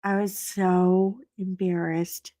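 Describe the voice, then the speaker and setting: Telling a story to viewers on a casual live stream, a middle-aged woman has a slightly froggy, warm voice and greets people with big pitch swoops. Otherwise her pitch moves little, her pace is slow, and there's no echo.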